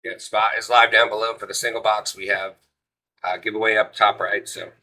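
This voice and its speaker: A man's voice: fairly low pitch, flat delivery, moderate pace, bright, forceful tone, low-quality recording. A man hosting a live card break, giving casual auction sales patter to viewers.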